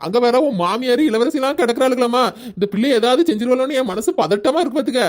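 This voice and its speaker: A woman's voice: on the high side, expressive, fast, darkish tone, lightly acted. A woman voicing a caring, anxious older mother in a cartoon, with a Tirunelveli Tamil accent, soothing and chatty.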